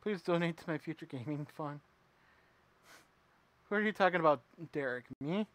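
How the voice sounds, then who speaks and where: A man streaming himself playing a retro game, chatting with viewers and reacting out loud as he plays. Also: a little high, lively intonation, moderate pace. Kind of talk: casual live gameplay commentary.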